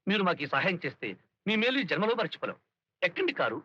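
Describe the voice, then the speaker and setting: An actor playing a scheming, boastful harmonium player in a film comedy, theatrical in delivery. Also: male voice, sits high, sing-song, quick pace, pushed and bright, breathy edge, no echo, full character voice. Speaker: comic lead. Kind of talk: Telugu film comedy dialogue. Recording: dry, dull film soundtrack.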